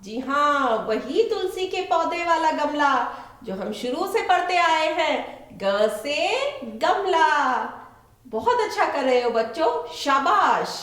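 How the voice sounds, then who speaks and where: A woman's voice: high-pitched, animated, slow pace, a bit bright. A woman teaching young children to read, sounding out words syllable by syllable in a sing-song, coaxing way. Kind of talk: children's phonics lesson. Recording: very echoey room.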